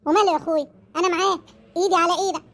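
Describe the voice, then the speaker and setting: A woman voicing a rough, scheming Egyptian village man who gloats and threatens. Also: very high-pitched, steady tone, racing, fairly bright tone. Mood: gloating. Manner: gloating, menacing.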